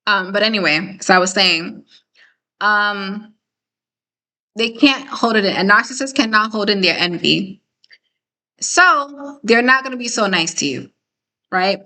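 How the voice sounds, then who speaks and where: A woman hosts a casual live discussion stream, addressing viewers directly in a clear, bright, mid-pitched voice. Conversational and emphatic, she caps her points with "okay?" and "right?"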